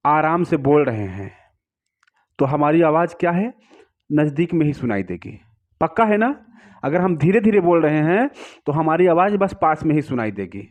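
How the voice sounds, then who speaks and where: A man teaching a music lesson, explaining notes patiently and often asking his students questions. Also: on the high side. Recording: slightly dull, lo-fi sound.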